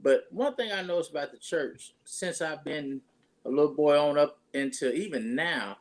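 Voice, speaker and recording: Man, pastor, rambling casual talk, slightly high voice. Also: normal speed. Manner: rambling, with many restarts and fillers. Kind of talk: casual conversation, introducing a guest.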